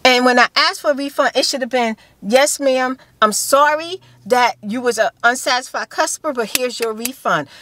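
A woman's voice: high voice, moderate pace, hardly any pauses, dry recording. A woman, telling a story to camera in a casual chat from inside a parked car, gesturing a lot and repeating herself for emphasis. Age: 50s. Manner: animated storytelling with hand gestures and repeated phrases. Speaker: vlogger. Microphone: phone camera held close.

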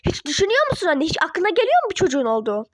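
A woman doing a defiant teenage girl, very high. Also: huge pitch swings, rapid-fire, dry recording, clean studio sound, heavily acted. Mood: pleading. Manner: indignant, argumentative. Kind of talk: toy-app role-play drama.

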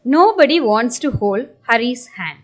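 A woman teacher tells a children's story. Her voice is high and lively, and she narrates slowly and clearly.

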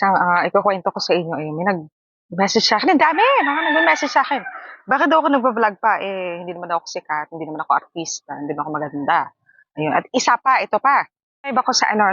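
Chatty laughing woman vlogger, husky voice. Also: a bit bright, dry recording, highs cut off. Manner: chatty and laughing, high squeals. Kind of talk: casual vlog chat. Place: outdoors by a hammock. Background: wind.

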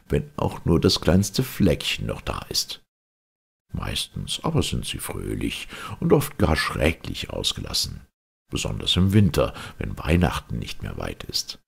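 A man reads a children's fairy tale as an audiobook narrator, expressive and measured in his storytelling. His voice is gravelly, husky and rumbling low.

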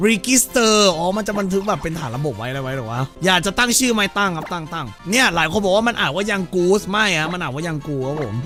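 A man's voice: sits high, lively intonation, rapid-fire, hardly any pauses, music in the background. A man streaming a game, joking crudely and putting on silly voices for the characters. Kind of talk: let's-play commentary.

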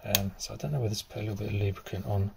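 A middle-aged man talking casually while he rebuilds a car engine outdoors, thinking aloud with pauses and fillers. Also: lowish voice, steady tone, creaky, background noise. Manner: thinking aloud, stop-start explaining with fillers. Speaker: DIY car mechanic. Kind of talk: casual workshop explanation. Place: outdoor driveway.

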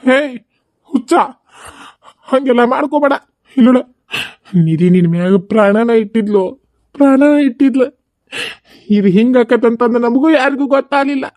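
A gruff, heartbroken old village father in a comedy skit, played by a woman, with a North Karnataka Kannada accent. The voice is higher than a man's yet dark and mellow, close and dry, scolding his son through tears. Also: moderate pace, long pauses, dry recording, natural voice. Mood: grieving. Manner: scolding, sobbing pleas. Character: grieving older village father, gruff and tender.

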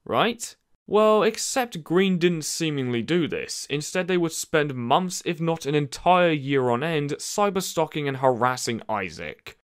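A man's voice: a little high, smooth. A man delivering scripted personal commentary as the narrator of his own video. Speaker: video creator.

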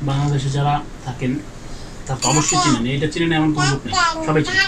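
A man gives rapid, repetitive tasting remarks for a home eating vlog while chewing with his mouth full. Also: a little high, wildly swooping pitch. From Bangladesh. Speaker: food vlogger. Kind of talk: eating-show commentary. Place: home, indoors. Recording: distant mic with background noise.

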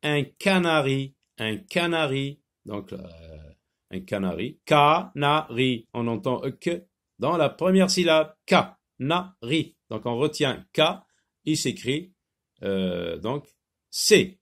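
A man teaching a phonics lesson to children, stretching out sounds and words and pausing on hesitation fillers. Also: medium pitch, sing-song. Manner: slow, drawn-out repetition of sounds and words.

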